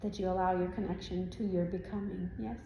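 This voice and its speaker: At a live event in an indoor room, a woman works as a trance channeler, voicing a serene spirit guide who answers audience questions with spiritual guidance, instructive in mood, using stilted formal phrasing and frequent questioning tags. Her voice is lowish, gravelly and brisk with little pitch movement. The lo-fi sound is roomy, with faint noise.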